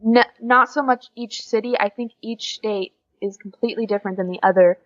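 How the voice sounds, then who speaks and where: Dull lo-fi audio carries the voice of a young woman from Oklahoma, United States, guesting casually on a podcast interview. She's an exchange student, and her voice sits on the high side as she talks fairly quickly.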